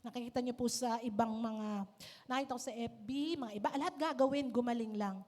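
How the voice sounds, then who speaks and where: A woman preaching at a church service with a high, bright-toned voice. She lurches from soft, hushed lines to loud bursts, asks her listeners rhetorical questions and keeps a polite, respectful address. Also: a little fast. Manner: swings between loud emphatic and soft lines. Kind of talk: sermon.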